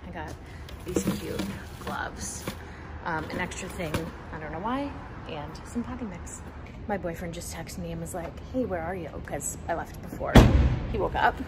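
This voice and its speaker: A woman in her thirties vlogging into a phone held at arm's length, her voice sitting a little low. She chats in an upbeat, rambling way, with fillers and small laughs. Clear street and traffic noise runs behind her. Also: moderate pace. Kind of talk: casual vlog chat. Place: rooftop, car, store and city balcony. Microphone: phone camera held at arm's length.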